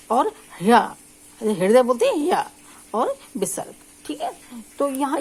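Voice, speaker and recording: A woman teacher explaining speech sounds in a lecture, drawing out sample syllables slowly and often checking in with listeners. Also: high voice, a little mellow, low-quality recording. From India. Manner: slow, drawn-out sample syllables with frequent check-ins. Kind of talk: spoken lecture on phonetics.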